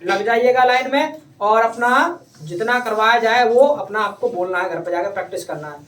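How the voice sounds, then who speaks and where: Coaxing teacher. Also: male voice, sits high, normal speed, a bit bright. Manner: coaxing, repeats questions to pupils. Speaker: English teacher. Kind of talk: classroom lesson. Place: classroom. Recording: echoey room, distant mic, faint noise.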